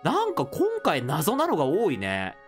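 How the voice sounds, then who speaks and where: Male let's-play host, jumpy and loud when startled, very animated pitch, faint game music behind. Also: a little slow. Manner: excitable, yelps and shouts when scared. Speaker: gaming video host. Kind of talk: casual let's-play commentary.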